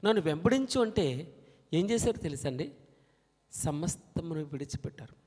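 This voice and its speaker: A man with a high-pitched voice preaches a sermon. He drops to quiet, low passages, then rises to loud, emphatic reading of scripture. He calls on the congregation to read each verse aloud with him. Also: expressive, normal speed.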